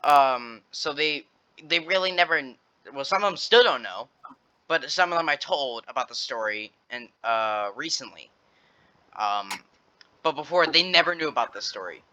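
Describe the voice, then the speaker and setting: A man's voice: mid-range voice, lively intonation, normal speed, bright, forceful tone. A teenage boy hosting a casual podcast, telling a school story in a rambling way with many restarts. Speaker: podcast host. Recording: lo-fi dull audio.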